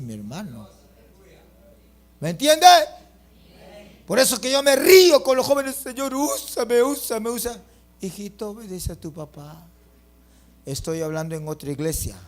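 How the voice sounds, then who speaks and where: A middle-aged man preaching a fiery sermon as pastor, breaking into loud bursts and acting out quotes. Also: on the high side.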